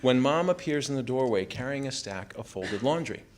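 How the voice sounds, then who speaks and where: An animated, mid-range voice carries this first-person essay, read by its American author, a man in his fifties, before a small theater audience. He keeps a measured storytelling pace while acting out family dialogue, and the live recording has background room noise and ambience.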